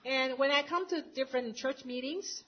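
Woman interpreting live at church, high voice, quick self-corrections, muffled lo-fi recording. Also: a little hiss or hum. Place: church meeting.

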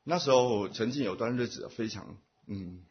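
Husky guy, church testimony in short bits, dull muffled sound. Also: mid-range voice. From Taiwan. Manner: speaks in short phrases, pausing for an interpreter. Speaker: church member giving testimony. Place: church meeting. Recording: muffled lo-fi recording.

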